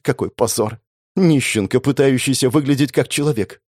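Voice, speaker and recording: A man's voice: mid-range voice, moderate pace, darkish tone, breathy edge, dry recording, clean studio sound, voice pushed up, natural voice. A man voicing a humiliated young office worker, a woman near tears who talks in a trembling, choked way. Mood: tearful. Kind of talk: audiobook character voice.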